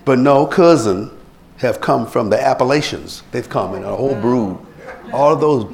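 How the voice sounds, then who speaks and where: A man's voice: moderate pace, gravelly. A man preaching a sermon as pastor, telling stories and acting out the people he quotes. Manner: preachy, animated, acts out quoted people in rising pitch. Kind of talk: sermon with anecdotes.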